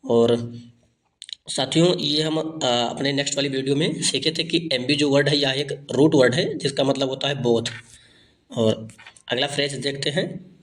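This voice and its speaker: Hindi-speaking man teaching vocabulary slowly. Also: medium pitch. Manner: reads English phrases slowly, then explains and repeats answers. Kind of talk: exam-prep lesson.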